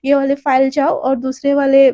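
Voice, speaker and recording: A woman's voice: high-pitched, completely flat delivery, moderate pace, warm tone, no echo, lo-fi sound, natural voice. Woman doing a bossy, scolding young boss. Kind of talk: storytelling with character voices.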